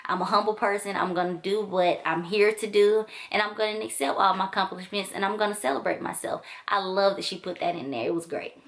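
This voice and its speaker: A woman's voice: mid-range voice, steady tone, a little fast, hardly any pauses. A woman chatting casually and enthusiastically to her camera as she reviews a book, with loose filler-heavy talk. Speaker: book vlogger. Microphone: camera mic.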